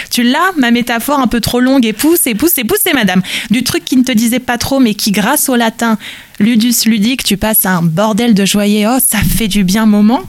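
A woman's voice: fairly high pitch, no echo. A woman delivering a humorous, theatrical monologue as a radio columnist, full of wordplay and playful asides.

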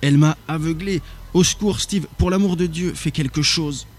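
A man's voice: medium pitch, steady tone, moderate pace, warm tone, breathy edge, close to an everyday voice. A man voicing a terrified wounded young man who has been clawed and blinded, pleading frantically. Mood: panicked pleading.

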